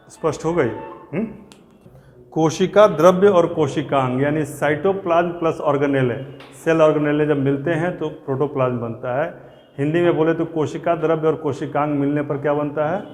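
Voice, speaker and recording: A man's voice: fairly high pitch, a little mellow, slight background noise. Man teaching a classroom. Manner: repeats terms slowly, quizzes and scolds students. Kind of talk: classroom lecture to exam students. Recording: reverberant classroom.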